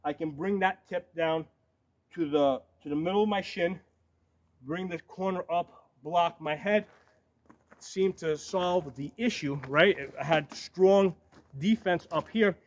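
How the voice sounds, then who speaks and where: On a gravel yard beside some woods, a medieval combat fighter in his forties demonstrates shields to a camera a few metres away. He explains step by step in a casual, hands-on way, often asking "right?" or "okay?" His voice sits high and he speaks slowly, and the outdoor camera audio is noisy.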